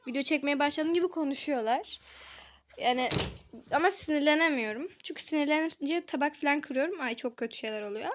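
A woman's voice: high-pitched, fairly quick, noisy background. A woman making a casual role-play vlog with a toy game, chatty, giggly and playful.

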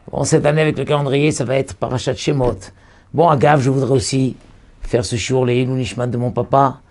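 A man, a rabbi, giving a Torah lesson as a lively storyteller who exclaims and lifts his voice when quoting people. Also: on the high side, creaky.

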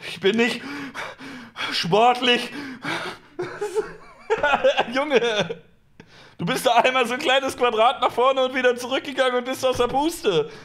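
A young man with a high voice for a man comments on a clip over his stream. He mocks what he hears, swears, and laughs a lot. His delivery is loose and sarcastic. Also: measured pace, fairly bright tone. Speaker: streamer reacting to a talk show clip. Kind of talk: mocking live-stream commentary.

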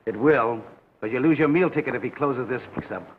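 An actor playing a surly middle-aged American sideshow owner in a 1930s crime film, blunt, slangy and scornful. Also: male voice, medium pitch, brisk, phone-quality sound, lightly acted. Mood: wary, gruff. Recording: thin, hissy 1930s film soundtrack.

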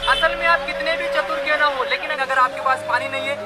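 A man's voice: extremely high pitch, fairly even intonation, fast talker, loud music behind the voice, a loud crowd. A young man narrating a mock-serious survival-show spoof as he walks through an outdoor street market. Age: young adult. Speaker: comedy vlogger.

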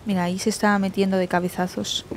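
A woman's voice: medium pitch, flat delivery, slight background noise. Jumpy young Spanish woman gaming. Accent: Spain Spanish. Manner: jumpy, shrieks and swears when startled, slow loud English to the game. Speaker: gaming streamer. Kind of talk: let's play commentary.

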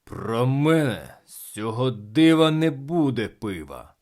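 Grumpy, scornful captain, gruff and slow, voiced by a man for a storybook. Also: mid-range voice, big pitch swings, darkish tone. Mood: angry. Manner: gruff, dismissive. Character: grumpy, scornful adult male shooting captain.

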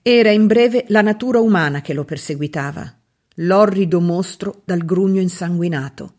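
Woman reading a novel aloud, measured. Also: fairly low pitch. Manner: measured, expressive reading with dramatic pauses. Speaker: audiobook reader. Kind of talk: scripted literary narration.

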